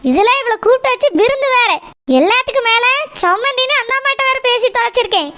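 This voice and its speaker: A woman's voice: very high-pitched, fast, sharp tone. A woman voicing an angry middle-aged mother in a cartoon, ranting and scolding harshly. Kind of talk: cartoon voice acting.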